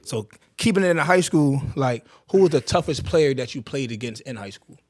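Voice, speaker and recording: A young man from Connecticut hosting a casual podcast, telling animated stories with heavy slang and frequent laughter. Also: mid-range voice, fairly quick, no echo, studio quality. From Bridgeport, Connecticut, USA. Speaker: podcast host. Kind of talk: casual conversational interview.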